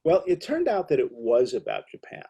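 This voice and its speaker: A man's voice: medium pitch, huge pitch swings, moderate pace, warm tone, slightly rough. A middle-aged American man hosting an interview, telling rambling, enthusiastic stories. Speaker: host. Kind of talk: casual interview talk.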